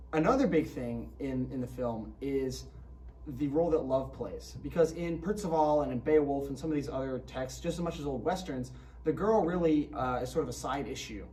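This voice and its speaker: A man's voice: fairly high pitch, darkish tone, far from the mic, poor audio. A man gives informal commentary on a film project in a conversational way, checking in as he goes. He sounds a bit away from the mic, with faint noise behind. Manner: conversational, seeks agreement with tag questions.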